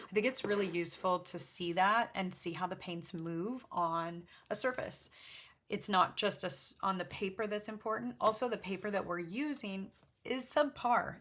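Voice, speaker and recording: A woman with a slightly gravelly voice hosts an art demonstration in casual chat, rambling, interrupting herself and apologizing as she goes. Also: medium pitch, fairly bright tone, a little hiss or hum. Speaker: host of an art livestream swatching watercolors. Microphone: backup microphone.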